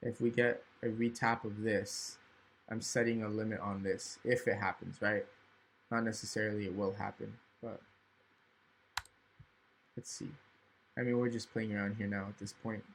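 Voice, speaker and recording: A man's voice: on the low side, level tone, moderate pace, creaky, long pauses, slight background noise. A man casually walking through trading charts on screen, thinking aloud and often checking in with "right?". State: hiccups. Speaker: trading educator. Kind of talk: screen-recorded chart walkthrough.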